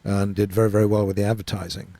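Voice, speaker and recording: A man's voice: fairly low pitch, little pitch movement, quick pace, mellow, dry recording. An older man telling dry, wry anecdotes in a casual chat. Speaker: voice narrator guest.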